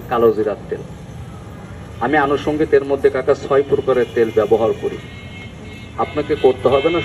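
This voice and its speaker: An older man giving a folksy street sales pitch as a herbal oil vendor, often addressing listeners familiarly. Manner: folksy, repeatedly addresses listeners as uncle and brother. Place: outdoors on a busy street. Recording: noisy outdoor street with traffic.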